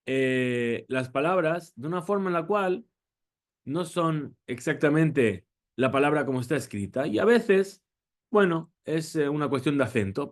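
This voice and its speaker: A man teaching a Torah lesson. He reads Hebrew lines quickly and translates each one, then explains step by step with short phrases and rhetorical questions. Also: on the high side. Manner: speaks in short phrases, fills with "eh" and "¿sí?". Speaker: rabbi teaching.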